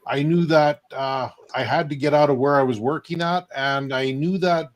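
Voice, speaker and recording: A man's voice: fairly high pitch, fairly even intonation, moderate pace. A man from Canada in his fifties, a guest on a live online interview, telling his story plainly and steadily.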